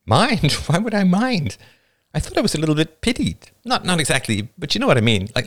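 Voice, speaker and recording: A man voicing a restless, punchy teenage girl in an audiobook reading, animated and self-mocking. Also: mid-range voice, voice pushed up. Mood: playful.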